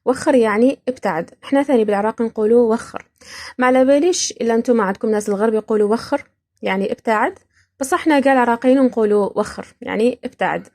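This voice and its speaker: A woman's voice: fairly high pitch, very fast, a little mellow. A woman from Iraq hosting a podcast, casually explaining words and laughing often between points. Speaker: podcast host.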